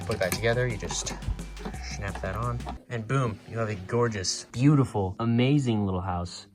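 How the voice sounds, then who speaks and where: Man, low voice, relaxed build commentary, music up loud behind. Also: moderate pace. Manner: relaxed, talks to viewers while working. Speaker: YouTuber building on screen. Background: loud background music.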